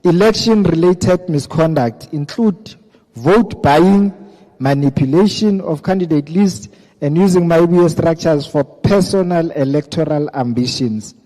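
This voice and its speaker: In a hall with long reverb, a South African man reads a formal document aloud to a meeting. His voice sits a little high, and he speaks as an official presenter. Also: mellow. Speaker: presenter of an organisation's code of conduct.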